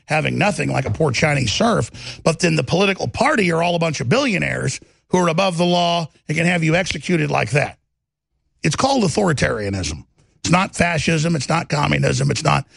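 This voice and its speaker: A man with a Texan accent, a gravelly voice and a twang rails through political commentary with passion, confidently and aggressively stressing his points and firing off lists and rhetorical questions as a talk show host would. His voice is a little high and a bit bright, with no echo.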